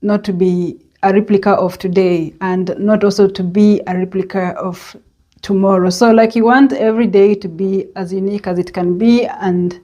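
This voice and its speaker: A woman from Kenya with a Kenyan accent, talking in a reflective personal vlog and pausing often to think. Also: mid-range voice, fairly even intonation, dark tone. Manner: unhurried and reflective, with many hesitant pauses and fillers. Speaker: vlogger.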